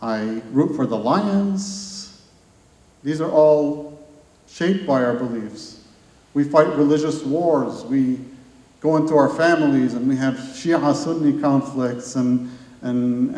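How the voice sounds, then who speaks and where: This man speaks slowly in a mid-range, darkish voice as he presents at a conference before a live audience. He asks rhetorical questions and piles up long, repetitive lists, and the large hall makes the distant recording echoey.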